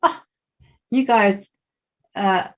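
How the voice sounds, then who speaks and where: Drawing out her words in a medium-pitched voice, this chess streamer from Britain, a woman in her thirties, rambles through a casual livestream. Her British English speech is full of fillers and false starts.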